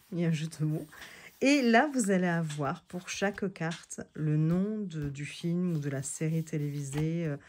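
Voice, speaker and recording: Woman, tarot reviewer, casual chat, hesitant with fillers, lowish voice, seated indoors. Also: darkish tone, a little hiss or hum. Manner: hesitant, many fillers and restarts. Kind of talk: casual chat and reading aloud. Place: seated indoors on a creaky chair.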